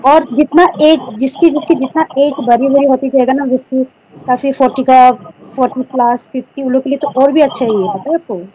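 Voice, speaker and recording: A woman's voice: high-pitched, steady tone, brisk, dark tone, slight background noise. A young woman on a video call, earnestly and politely sharing her experience with the host. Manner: earnest, polite, says ma'am. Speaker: caller sharing her results. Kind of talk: casual video call chat. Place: small room indoors. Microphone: video call on phone. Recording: dull lo-fi video call audio.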